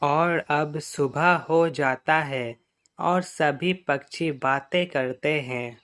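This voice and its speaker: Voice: mid-range voice, takes it slowly, fairly bright tone. A narrator telling a children's cartoon story in a plain, storytelling way.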